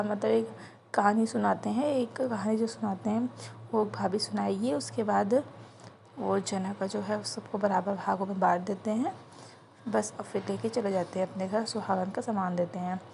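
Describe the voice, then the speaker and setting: A woman's voice: mid-range voice, vocal fry, darkish tone, slight background noise. A young woman vlogger who chattily explains the steps of a home puja ceremony, speaking into her phone at an indoor gathering. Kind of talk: casual vlog narration.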